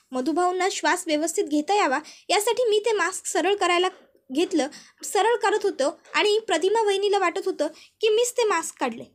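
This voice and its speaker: A woman putting on a sly middle-aged villain, sweet-talking and falsely innocent, high voice, soap drama retelling. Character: scheming middle-aged man, a smooth-talking lying villain.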